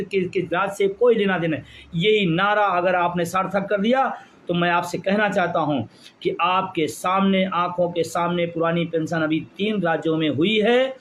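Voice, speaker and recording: A man's voice: high-pitched, slight background noise. A man leading a pension movement, giving an impassioned rally speech full of repeated phrases for emphasis.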